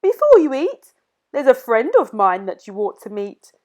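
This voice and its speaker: A small, clever storybook mouse, playful and quick-witted, as a woman reads him. His voice sits high and bounces up and down. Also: wildly swooping pitch, darkish tone. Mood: coaxing.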